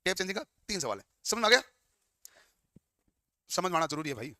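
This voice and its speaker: A man's voice: sits high, sing-song, brisk, sharp tone, no echo, clean studio sound. A man teaching a class, firing questions at his students and answering them himself. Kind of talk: classroom lecture.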